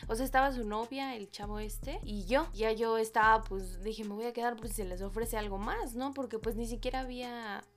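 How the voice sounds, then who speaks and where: A young adult woman with a Mexican accent, chatting casually and telling an animated story, acting out what people said with whispered asides. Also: fairly high pitch, a little fast, few pauses. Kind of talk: casual chat.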